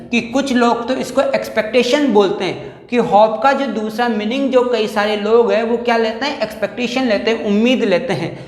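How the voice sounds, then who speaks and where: A male teacher, reading lines of a poem slowly and then explaining them with rhetorical questions. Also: very high-pitched. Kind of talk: bilingual lesson explaining a poem. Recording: echoey room with long reverb.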